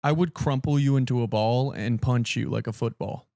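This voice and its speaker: A man's voice: mid-range voice, moderate pace, creaky, warm tone, no echo, clean studio sound. A man co-hosting a podcast, trading blunt, crude banter in casual chat. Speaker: podcast co-host.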